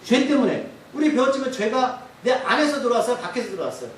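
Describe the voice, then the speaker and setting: A male pastor preaches a sermon in a church sanctuary, his very high-pitched voice moving quickly with lively intonation. He often puts questions to the congregation. The recording is echoey, captured from far off in the church hall.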